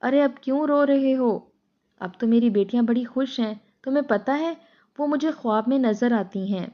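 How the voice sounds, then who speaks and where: A woman's voice: on the high side, lo-fi sound, pitched above the performer's own voice, natural voice. A woman voicing a grieving mother driven mad by hunger and loss, in a tearful, pleading lament.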